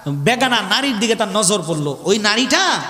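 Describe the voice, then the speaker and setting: A male preacher from Bangladesh addresses a large gathering through a microphone, pushing questions out to the crowd and playfully imitating regional dialects. His voice sits very high and bright, cutting hard through the PA. The sound rings with a long, roomy reverb from the big space. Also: very animated, normal speed. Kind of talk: Islamic sermon at a religious gathering. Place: large gathering under a tent. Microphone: handheld or stand microphone with PA.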